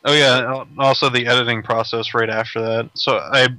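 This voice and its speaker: A man in casual podcast chat, rambling with halting restarts. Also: mid-range voice, flat delivery, sharp tone, no echo, poor audio.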